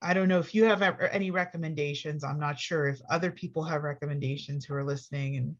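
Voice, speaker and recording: A woman's voice: low voice, steady tone, fast, lo-fi sound. A woman moderating a webinar, friendly, reading audience questions aloud and thanking attendees. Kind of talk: hosting a live Q&A.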